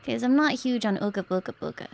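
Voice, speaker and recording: This streamer's voice is fairly high, fast and gravelly. Playing a horror game live, she's scared and jumpy, chatting with her audience and exclaiming at each reaction.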